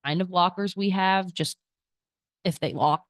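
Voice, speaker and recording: A woman's voice: fairly low pitch, measured pace, no echo. A woman sharing data in a casual, hesitant way at a council meeting. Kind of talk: meeting report.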